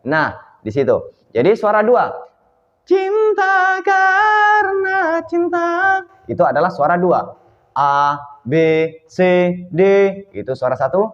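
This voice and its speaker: During a vocal lesson in a large hall, a vocal coach often checks in by asking "ya kan?" and sings short demo notes. His voice is mid-range, and the audio is dull.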